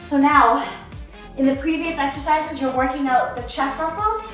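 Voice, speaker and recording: Speaking at a moderate pace in a high voice, a woman playfully runs a casual workout demonstration using hyped gym-bro slang. She's a fitness coach and presenter, and the very echoey space has music playing underneath.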